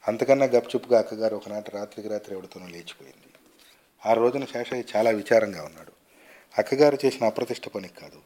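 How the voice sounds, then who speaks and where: A man reading a short story aloud in a measured, expressive storytelling manner. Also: fairly low pitch. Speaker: story reader.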